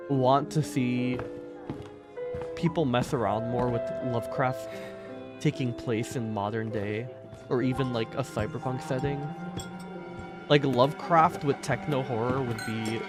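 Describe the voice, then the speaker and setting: A man streaming a horror game, chatting casually and rambling with lots of fillers. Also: mid-range voice. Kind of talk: casual gameplay commentary. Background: game music.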